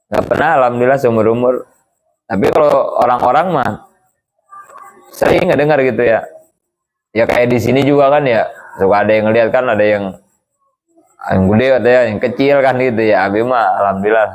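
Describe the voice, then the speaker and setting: A man giving a casual religious lesson, chatting along and asking his listeners rhetorical questions over and over. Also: medium pitch. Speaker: Islamic teacher.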